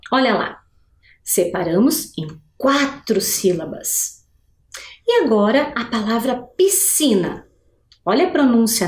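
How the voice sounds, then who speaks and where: Woman teacher, bright and animated pitch, slow careful word drills, roomy echo. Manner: slow, drawn-out pronunciation of example words; asks questions to the viewers, frequent "né?". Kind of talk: recorded video lesson for adult learners. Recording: echoey room.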